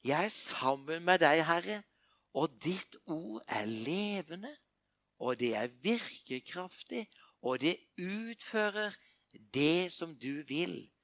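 An older man preaching a sermon, moving between hushed, intimate passages and emphatic bursts. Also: a little high, lively intonation, no room sound.

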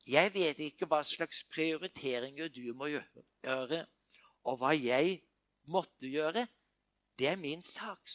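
An older man preaching a sermon, moving between hushed, intimate passages and emphatic bursts. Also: fairly high pitch, no echo, clean studio sound.

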